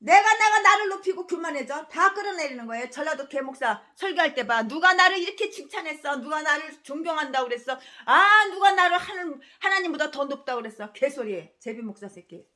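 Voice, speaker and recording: A fiery woman pastor in her sixties preaches in a high, bright voice. Her pitch leaps and falls widely as she rants with scorn, throws out rhetorical questions and drops from loud outbursts to low muttering. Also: lively intonation, brisk, few pauses. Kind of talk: preaching a sermon.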